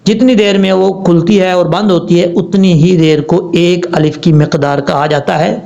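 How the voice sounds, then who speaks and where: A man's voice: sits high, steady tone, vocal fry, warm tone, muffled recording. A man teaching Quran recitation rules in a patient lesson, spelling out letters and asking and answering his own questions. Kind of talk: tajweed lesson explaining rules step by step.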